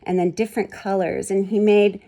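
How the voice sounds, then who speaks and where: A woman with a warm, medium-pitched voice reads a picture book aloud at normal speed, her pitch moving very little. Still, her reading is expressive, and she pauses to explain the pictures in a teaching manner.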